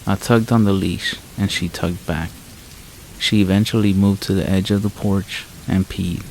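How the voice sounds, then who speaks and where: A man narrates a creepy first-person tale in a very deep voice, low and unhurried. His tone stays flat with little rise and fall, and a gravelly rasp runs through his words. Faint rain patters in the background. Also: a little hiss or hum, rough recording. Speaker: horror story narrator. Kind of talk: scripted horror narration. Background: rain sounds.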